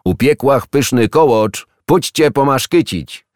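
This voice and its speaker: A man's voice: mid-range voice, animated, a little slow, a little mellow, no echo, studio quality, voice pushed up, close to an everyday voice. A man reading a storybook aloud and voicing an elderly female hedgehog aunt with a Silesian accent, hearty and homely, who bosses everyone about.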